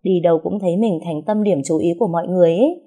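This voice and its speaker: A woman voicing a feisty, sharp-tongued young wife who teases and argues cheekily. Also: lowish voice. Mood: coy boasting. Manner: cheeky, teasing, quick to argue.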